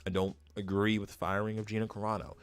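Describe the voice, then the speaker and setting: A man's voice: fairly low pitch, little pitch movement, fast talker, soft background music. A man giving casual, opinionated livestream commentary as a host, speaking emphatically and often repeating his phrases for weight. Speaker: YouTube host and streamer.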